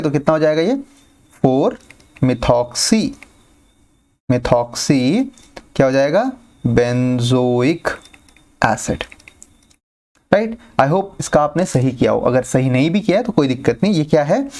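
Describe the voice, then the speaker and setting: A man teaching chemistry in an online lesson. He asks the class questions and answers them himself, thinks aloud with pauses, drops in English terms and often checks in with "right?" and "okay". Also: mid-range voice, darkish tone. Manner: mixes English terms into his speech.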